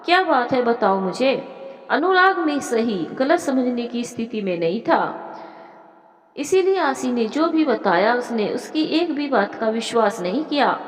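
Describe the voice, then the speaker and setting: Woman storyteller, lively melodic read, fairly high voice, roomy echo. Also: measured pace. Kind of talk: storytelling narration. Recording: echoey room with long reverb.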